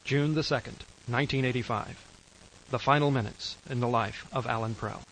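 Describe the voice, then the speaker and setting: An actor playing a grave documentary narrator, reading a scripted mock tribute. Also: male voice, mid-range voice, normal speed, a bit bright, a little hiss or hum, natural voice, poor audio.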